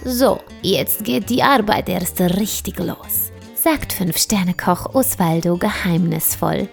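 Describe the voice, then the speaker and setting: A woman's voice: fairly low pitch, slow pace, gravelly. A woman voicing a cheerful, proud male bear chef in a children's audio story, speaking in an encouraging teacher's tone. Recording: soft music underneath.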